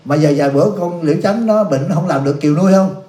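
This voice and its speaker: A male Buddhist monk giving a dharma talk, his voice sitting a little high. He is blunt and scolding, teasing the audience as he answers their questions. The sound rings through an echoey hall. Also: very fast, dark tone. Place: youth center hall.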